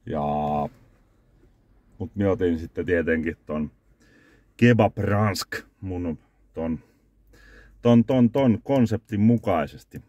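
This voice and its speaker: A very low-pitched man talks to a phone camera from inside a parked car. He rambles through a food review, correcting himself and giving scores out of five. The sound is dry and close. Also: pauses often, dark tone, dry recording, muffled recording. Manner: rambling, self-correcting, scoring dishes out of five. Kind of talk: casual review vlog. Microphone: phone camera on the dashboard.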